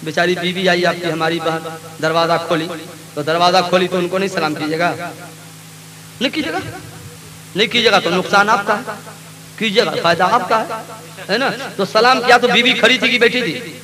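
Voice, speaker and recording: Male preacher, high voice, fervent swings from hush to shouting, live crowd audible behind him. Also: pauses often. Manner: swings from soft storytelling to loud, fervent calls for the crowd's response. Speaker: Islamic preacher. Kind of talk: sermon to a live gathering.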